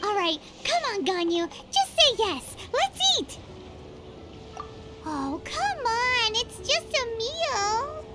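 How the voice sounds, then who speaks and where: Super high squeaky little fairy girl for a game, cheeky n excitable, loud music under it. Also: slow pace, heavily acted. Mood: cheeky, coaxing. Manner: childlike, exclamatory. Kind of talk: video game voice acting.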